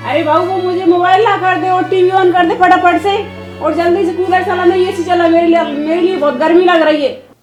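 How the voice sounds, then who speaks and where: A woman's voice: very high-pitched, fairly even intonation, normal speed. A woman playing a bossy older mother-in-law in a family skit, barking orders at her daughter-in-law and doting on her own daughter. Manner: commanding, scolds her daughter-in-law, soothes her daughter. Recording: echoey room with music behind.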